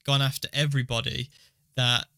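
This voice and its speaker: A man's voice: medium pitch, little pitch movement, a little fast, gravelly, bright, forceful tone, clean tone. A man co-hosting a podcast in casual chat, joking around and laughing easily. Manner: chatty, laughs easily, riffs on jokes. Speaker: podcast co-host.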